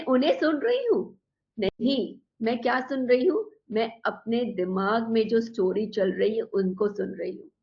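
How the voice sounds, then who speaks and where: A woman's voice: a little high, vocal fry, muffled recording. A woman in her forties giving a motivational wellness talk, acting out everyday inner dialogue with animation. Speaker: wellness speaker.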